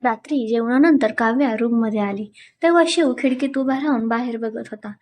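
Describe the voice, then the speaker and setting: A woman's voice: a little high, fairly quick, darkish tone. A woman narrating a romantic serial story, reading every character's lines herself with light voicing. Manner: reads all parts herself, dialogue lightly voiced.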